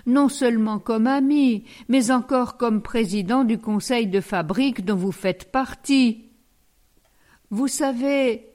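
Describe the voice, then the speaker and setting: A woman's voice: on the high side, a little mellow, lightly acted. A woman voicing a stern, firm older priest who reproves a parishioner, in a read storybook.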